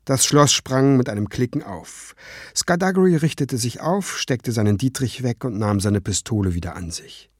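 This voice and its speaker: Brief: male narrator, animated storytelling, dry close sound. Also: medium pitch, normal speed, no echo. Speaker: audiobook narrator. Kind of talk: scripted narration.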